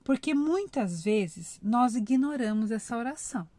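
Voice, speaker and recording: With warm conversational ease, a woman gives an informal devotional talk, addressing listeners as "gente" and acting out emotional prayers. She speaks unhurriedly in a fairly high voice with lively intonation. There is no room sound.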